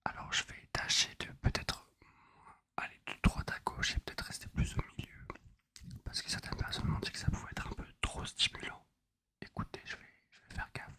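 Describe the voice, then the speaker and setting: A man's voice: normal speed, bright, forceful tone. Whispering young man, ASMR chat. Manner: rambling, wry, self-mocking. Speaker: ASMR video host. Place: apartment at night. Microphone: close binaural USB microphone.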